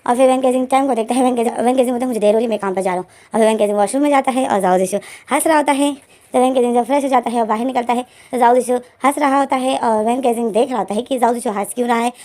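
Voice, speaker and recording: A woman's voice: fairly high pitch, steady tone, racing, a little mellow. A woman casually retelling a fanfiction story in a chatty way, repeating names and linking words.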